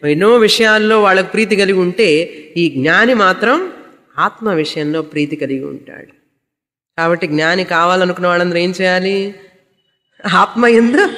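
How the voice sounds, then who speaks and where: A woman's voice: mid-range voice, moderate pace, pauses often, a bit bright, in a large hall. A woman spiritual teacher giving a scripture lecture, explaining Sanskrit verses word by word and asking rhetorical questions that she answers herself.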